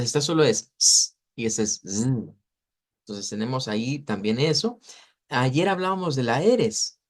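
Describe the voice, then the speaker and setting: A man teaching an English phonetics class in an explanatory way. He often checks in with his students and slows down to model sounds. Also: mid-range voice. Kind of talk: online class lecture.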